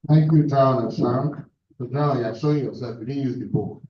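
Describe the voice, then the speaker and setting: A man's voice: mid-range voice, brisk. A man with a Nigerian accent hosting a club breakfast meeting, giving jovial, directive cues. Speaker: meeting host. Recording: echoey hall, distant mic, dull sound.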